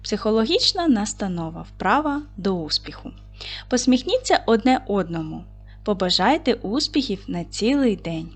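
A woman teaching a recorded video lesson to fourth graders, speaking clearly and deliberately and reciting short rhymes. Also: mid-range voice, sing-song, soft background music. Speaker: primary school teacher.

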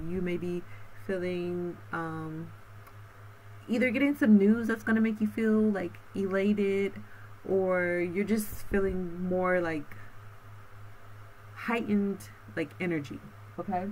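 A woman's voice: fairly low pitch, low-quality recording. Rambling woman tarot reader, faint hiss. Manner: rambling, repeats okay and um, drawn-out words. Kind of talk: spoken tarot reading.

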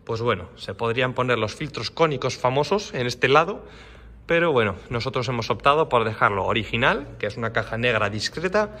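A man's voice: mid-range voice, expressive, a little fast, pushed and bright. Man from explaining a bike. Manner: explanatory, detailed, pointing out parts as he goes. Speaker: custom motorcycle builder. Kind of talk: casual walkaround explanation. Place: indoor motorcycle workshop garage. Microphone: handheld phone camera.

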